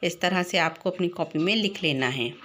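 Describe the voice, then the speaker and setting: A woman's voice: fairly low pitch, normal speed, a bit bright, a little hiss or hum. A woman teacher patiently spelling out letters one by one for young children and quizzing them as she goes. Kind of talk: slow classroom lesson.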